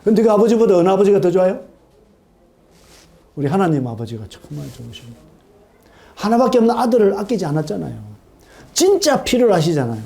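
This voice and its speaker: A middle-aged man preaching a sermon in a church, animated, asking his congregation questions and acting out quoted voices. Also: sits high, gravelly. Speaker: pastor. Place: church sanctuary.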